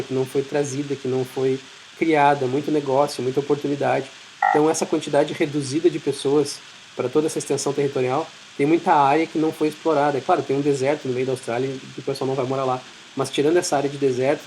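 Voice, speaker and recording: Speaking with a Brazilian Portuguese accent, a man delivers a conversational, explanatory informal talk and acts out brief imagined exchanges. His voice is medium-pitched and darkish. The audio is poor, with slight hiss or hum.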